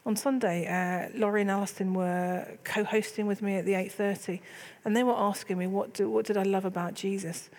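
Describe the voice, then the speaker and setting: A woman's voice: mid-range voice, fairly even intonation, brisk, few pauses, darkish tone. A middle-aged woman, a church leader, hosting a casual faith discussion and telling candid personal stories. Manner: chatty, candid storytelling.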